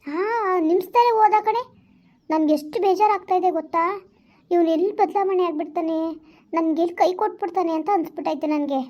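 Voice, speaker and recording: A woman plays a jealous young woman scolding her lover in a rural vlog skit, reproachful and fast-talking. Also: dark tone. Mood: brooding. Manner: reproachful, quick and high-pitched. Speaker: amateur skit actor. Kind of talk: village vlog skit acting.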